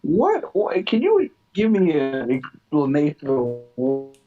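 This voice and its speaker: A man's voice: fairly high pitch, wildly swooping pitch, soft background music. Man on a choppy, breaking-up call. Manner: halting, repeats himself, slow confused questions. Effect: choppy online call audio breaking up. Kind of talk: casual chat. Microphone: remote online call. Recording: dull lo-fi call audio.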